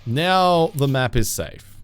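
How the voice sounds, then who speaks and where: A man's voice: medium pitch, lively intonation, slow, smooth. Chatty man streaming a game. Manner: chatty and self-deprecating, swears, laughs. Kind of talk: casual live-stream chat.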